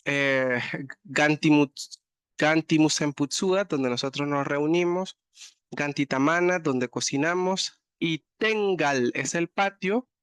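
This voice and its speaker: A man's voice: a little high, fairly even intonation, takes it slowly, a bit bright, smooth, dry recording, studio quality. A man teaching a language class, explaining words patiently and often checking that students follow. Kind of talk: online class teaching vocabulary.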